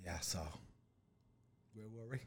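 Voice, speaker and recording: A man's voice: lowish voice, slow. A man co-hosting a casual podcast, joking crudely, swearing a lot and laughing often. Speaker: podcast co-host.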